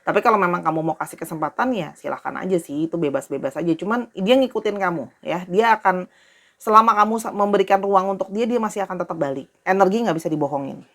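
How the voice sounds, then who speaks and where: Her voice is lowish and her pace quick as she gives viewers a casual tarot reading. Friendly and direct, she tends to go over the same points again.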